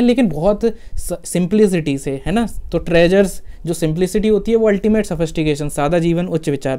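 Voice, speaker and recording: Male exam tutor, slightly high pitch, smooth voice, chatty lecture, forgets and corrects names. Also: mellow. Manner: chatty, repeats "theek hai" and "hai na"; forgets names and corrects himself mid-sentence. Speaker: exam-prep teacher. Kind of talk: casual Hindi lecture with memory tricks.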